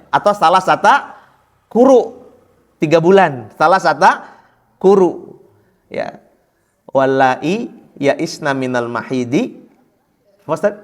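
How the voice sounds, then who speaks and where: Joking man teaching in a mosque. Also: high voice. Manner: joking, asks the audience questions. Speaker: Islamic teacher. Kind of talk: mosque study lesson.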